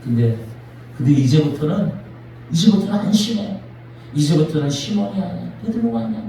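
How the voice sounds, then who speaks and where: A man voicing a gentle male teacher who forgives and comforts a disciple, speaking softly and slowly. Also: high-pitched, expressive, vocal fry, slight background noise. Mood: tender. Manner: soft, slow, tender. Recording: echoey church from a distant mic.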